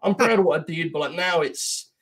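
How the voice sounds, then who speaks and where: A man's voice: fairly high pitch, fairly quick. A British man, a podcast guest, chatting casually in a rambling, self-deprecating way. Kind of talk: casual chat.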